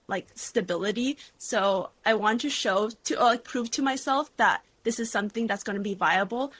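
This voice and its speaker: A woman's voice: fairly high pitch, fairly bright tone, husky. Chatty young woman sprinkling "like" everywhere. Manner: chatty, heavy use of "like". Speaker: guest, beauty content creator. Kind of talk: casual interview chat.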